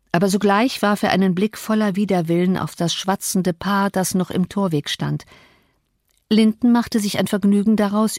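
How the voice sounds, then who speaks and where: Lower-pitched woman audiobook narrator, measured and even, dry close-mic sound. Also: no echo. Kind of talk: scripted narration.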